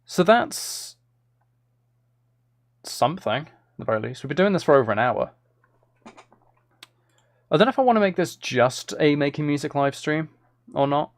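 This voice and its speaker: A man casually streams himself making music, thinking aloud and frequently trailing off mid-thought over synth and drum loops from his music software and the sound of clicking. His voice is a little high and very animated, at a moderate pace with frequent pauses and no room sound.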